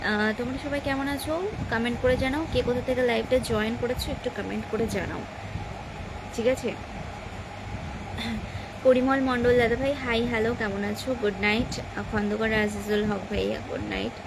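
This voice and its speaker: A woman's voice: on the high side, fairly even intonation, fairly quick, noisy background. A woman hosting a casual live stream, chatting away and greeting viewers by name as she reads their comments aloud. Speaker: livestream host.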